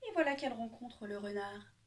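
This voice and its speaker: Expressive woman reading a storybook. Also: fairly high pitch, brisk, a little hiss or hum. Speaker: children's book reader. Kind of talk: storybook read-aloud.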